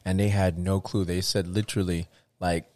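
In a casual chat, a man with a very deep voice rambles animatedly, looping back on himself with lots of fillers and restarts. He talks at a normal speed, and the recording is dry and close, with no echo or room sound.

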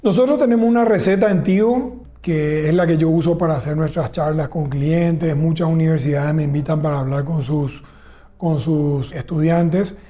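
A man's voice: on the high side, normal speed, dark tone. A man, a telecom executive in a business interview, laying out his points one by one. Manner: explains point by point, enumerating pillars.

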